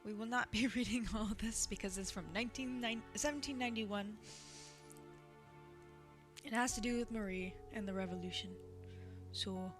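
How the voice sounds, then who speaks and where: A woman streams a video game in casual commentary, with a chatty, sing-songy way of talking. She keeps talking to her chat as she plays. Her pitch sits mid-range, and clear game music runs underneath. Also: moderate pace, pauses often.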